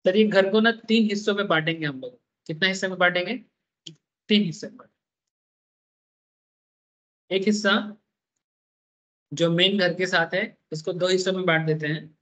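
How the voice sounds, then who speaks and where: A man with a high, somewhat bright voice teaches tax, drawing on a board and playfully firing repeated questions at students. The classroom lecture comes through on a dull lo-fi recording.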